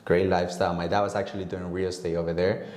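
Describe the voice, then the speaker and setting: Brief: twenty-something guy from Honduras, very low voice, laid-back storyteller who acts out dialogue, echoey room. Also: quick pace. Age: 20s. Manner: relaxed storytelling, acts out quoted dialogue, laughs often. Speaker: guest real estate agent. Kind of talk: casual podcast interview.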